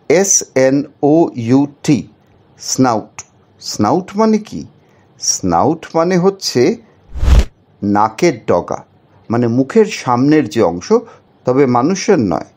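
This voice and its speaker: Slow, patient man teaching spelling. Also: mid-range voice, a little mellow. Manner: asks the viewers questions. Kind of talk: children's spelling lesson.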